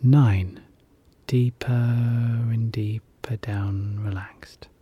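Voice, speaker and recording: A relaxation guide leading a guided hypnosis session in a soft, soothing whisper, repeating gentle calming phrases. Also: medium pitch, very slow, breathy edge, dull audio.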